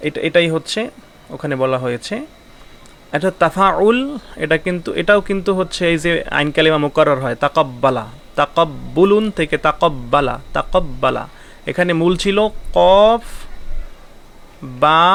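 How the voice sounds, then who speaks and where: A man's voice: fairly high pitch, fairly bright tone. A man giving an online Arabic grammar lesson, explaining patiently, repeating key terms and asking rhetorical questions.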